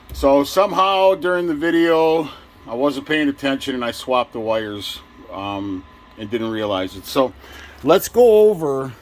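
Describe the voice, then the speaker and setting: A middle-aged man talks through a repair in his own shop, frank and rambling, often restarting his sentences. His voice sits at an ordinary pitch, and a faint hum of the workshop stays behind him. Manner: rambling, self-correcting, frank. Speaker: vlogger working on his truck. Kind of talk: casual how-to explanation in his shop. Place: cluttered home workshop.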